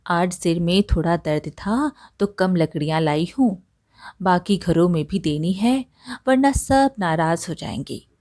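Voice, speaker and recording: A woman's voice: on the low side, animated, measured pace, darkish tone. A woman voicing a poor, hardworking old village woman who talks plainly and practically. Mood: homely.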